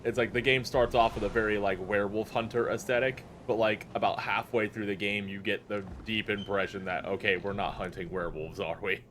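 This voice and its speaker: A man's voice: lowish voice, steady tone, fairly quick, few pauses, a bit bright, slight background noise. A man casually recapping a video game's story for his friends, talking hesitantly with frequent restarts and fillers. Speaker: gameplay co-host recapping lore. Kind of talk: casual let's-play chat.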